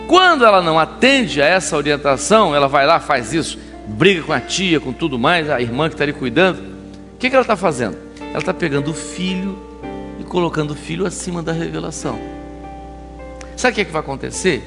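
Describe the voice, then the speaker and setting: Animated male pastor preaching in a hall. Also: on the high side, fairly quick, music in the background. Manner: animated, conversational, acts out scenes. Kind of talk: sermon with storytelling. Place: church.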